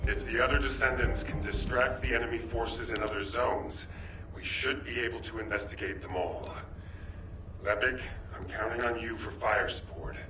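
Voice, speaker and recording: An actor playing a composed squad leader in a video game, giving tactical orders in a measured, authoritative way. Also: male voice, medium pitch, steady tone, lightly acted. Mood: focused, commanding. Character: composed male squad leader planning a mission. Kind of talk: scripted video game dialogue. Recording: roomy, distant, clear music behind.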